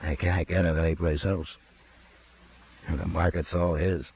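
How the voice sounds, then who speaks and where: An actor playing Matt Dillon, a calm, level-headed frontier marshal, in a 1950s radio drama, speaking in a measured, deliberate way. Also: male voice, low-pitched, vocal fry, husky, exaggerated voice. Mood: steady. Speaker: lawman lead and narrator. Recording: muffled old radio recording with faint hiss.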